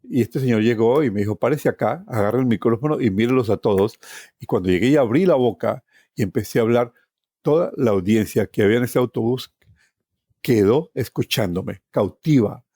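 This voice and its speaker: A middle-aged man with a Colombian accent speaks at normal speed in a medium-pitched, dark voice with a breathy edge, recorded with no echo. A tour guide being interviewed, he tells personal stories, repeating himself for emphasis and adding conversational tag questions.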